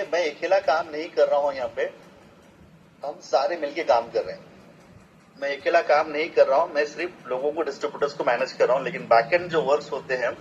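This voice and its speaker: Man rallying a meeting, slightly high voice. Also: slight background noise. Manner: rallies the audience with rhetorical questions. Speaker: business presenter. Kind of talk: motivational sales presentation. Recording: dull lo-fi sound with faint ambience.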